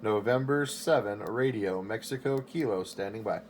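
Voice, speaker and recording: A man making a ham radio call from his home station, calling CQ over and over, spelling his call sign in phonetic alphabet in a steady, repetitive way. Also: fairly low pitch, normal speed, heavy background noise. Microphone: station microphone.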